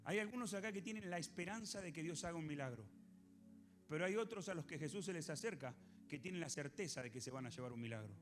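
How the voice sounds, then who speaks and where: Animated Argentine pastor preaching. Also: male voice, fairly high pitch, fast, music in the background. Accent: Argentine Spanish. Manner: animated, questions the congregation, acts out biblical voices. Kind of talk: sermon.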